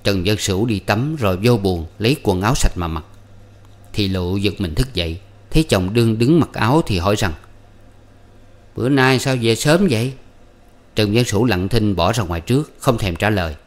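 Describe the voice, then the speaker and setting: A man reading a classic novel aloud as an audiobook narrator, in steady, even storytelling. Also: fairly low pitch, a little fast. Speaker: audiobook reader.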